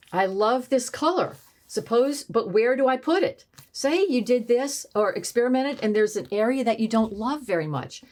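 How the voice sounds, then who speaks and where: A woman's voice: on the high side, darkish tone. A woman art teacher demonstrating collage on a painting, thinking aloud as she tries pieces in different spots. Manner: thinks aloud, musing and trying options.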